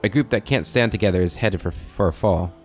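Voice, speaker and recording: A man's voice: sits low, a little fast, a little mellow, faint music behind, lightly acted. A man reading a disapproving male blacksmith's game dialogue aloud, plainly and with stumbles. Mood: grumbling.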